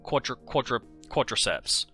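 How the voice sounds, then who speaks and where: A man's voice: mid-range voice, animated, unhurried, pushed and bright, soft background music. A man hosting a comedic game lore commentary, rambling and crude, often stumbling over names. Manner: rambling, jokey, crude humor. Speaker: host.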